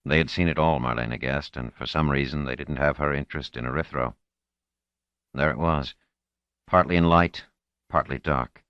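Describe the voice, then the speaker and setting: A man reading a novel aloud as an audiobook narrator, with expressive storytelling delivery. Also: rumbling low, moderate pace, pauses often, clear, resonant tone, no room sound. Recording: dull lo-fi, dry close recording.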